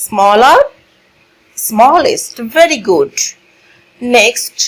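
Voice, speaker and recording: A woman from Bangladesh teaching a grammar lesson, explaining slowly and asking her own questions before answering them, with terms. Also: fairly high pitch, very animated, rough recording. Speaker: English teacher.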